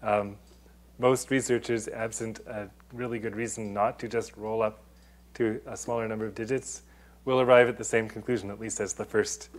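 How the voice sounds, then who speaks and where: A man giving an academic presentation, explaining step by step with many restarts and fillers. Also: fairly low pitch. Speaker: presenter on data confidentiality. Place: lecture room.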